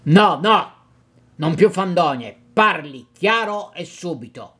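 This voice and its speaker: A man's voice: high voice, lively intonation, slow pace, slightly rough, heavily acted. A man doing a hot-tempered young peasant. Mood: angry demanding. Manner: forceful, insistent demands. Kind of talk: dramatic reading of a novel.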